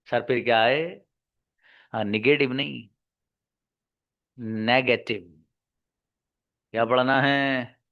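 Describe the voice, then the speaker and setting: A man teaching English grammar in an online lesson, slowly repeating key words and answering his own questions for his students. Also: medium pitch, steady tone, highs cut off. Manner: calls listeners "babu" and "my friend".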